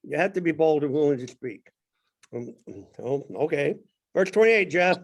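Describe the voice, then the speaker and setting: A man teaching a church class, his voice pitched high and swinging widely as he talks. He rambles, jokes and restarts sentences in a loose, casual way. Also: moderate pace. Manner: animated, rambling, joking, with many restarts. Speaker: Sunday school teacher.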